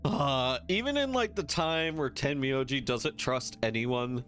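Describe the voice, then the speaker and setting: Excitable male streamer over game music. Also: medium pitch, measured pace. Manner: excitable, laughing asides. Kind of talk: let's-play commentary and reading.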